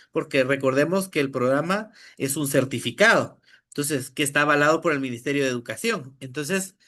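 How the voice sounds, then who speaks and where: A man's voice: on the high side, a bit bright. A man teaching an online class, explaining material step by step and often checking in with his listeners. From Guatemala. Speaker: teacher leading an online training session.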